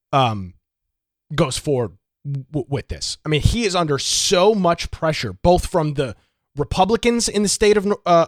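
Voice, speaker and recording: A man's voice: on the high side, dry recording, studio quality. Opinionated male political talk host. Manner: opinionated, rhetorical questions.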